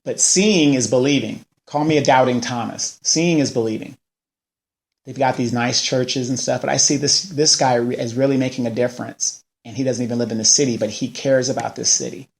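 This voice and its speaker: Brisk and creaky, this mid-range voice keeps a steady tone. The speaker is a man in his forties hosting a local news show, giving casual political commentary as a rant full of rhetorical questions.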